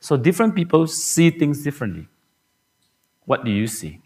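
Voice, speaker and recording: A man preaches a Good Friday sermon from a church pulpit. His voice sits high and swings widely in pitch as he throws rhetorical questions at the congregation. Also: sing-song, moderate pace, a little mellow. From Singapore. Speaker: pastor. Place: church sanctuary.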